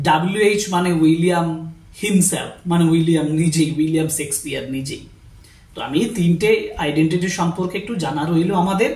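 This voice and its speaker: A teacher with a West Bengal accent talks students through a literature lesson, spelling out words letter by letter and pausing to ask if they follow. The voice rises and falls lively. It sits back from the mic in a roomy space with noticeable echo. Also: medium pitch, far from the mic. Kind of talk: exam-prep literature lesson.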